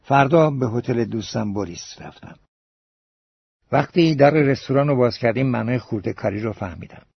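A man reading a novel aloud as an audiobook narrator, in a steady storytelling manner. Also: medium pitch, gravelly, a little hiss or hum. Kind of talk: scripted narration. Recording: dull dry lo-fi recording.

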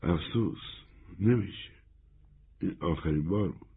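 A man voicing a gentle, melancholy wandering man in a soft, husky, resigned tone. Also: low-pitched, very animated, exaggerated voice. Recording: narrow phone-like band.

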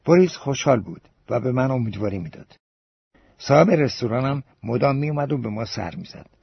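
A man reading a novel aloud as an audiobook narrator, in a steady storytelling manner. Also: medium pitch, creaky, breathy edge. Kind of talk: scripted narration. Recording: dull dry lo-fi recording.

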